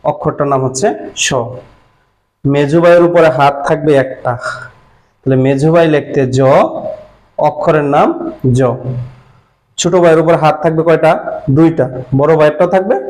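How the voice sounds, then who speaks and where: A male teacher with a Bangladeshi Bengali accent and a voice that sits a little higher than most men's. He explains each step patiently, asking the class questions and answering them himself. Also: darkish tone, low-quality recording. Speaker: language teacher. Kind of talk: classroom lesson.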